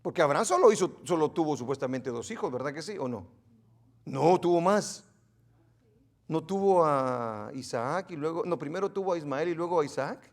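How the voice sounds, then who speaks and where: Animated high-voiced male preacher. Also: normal speed. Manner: quizzes the congregation, joking and exclaiming. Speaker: pastor. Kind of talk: interactive Bible teaching sermon. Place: church.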